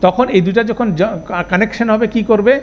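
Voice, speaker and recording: Man teaching grammar, high-pitched, repeats forms and checks understanding. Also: fairly even intonation, brisk, highs cut off, slight background noise. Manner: explains step by step, repeats forms, asks checking questions. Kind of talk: online class lecture.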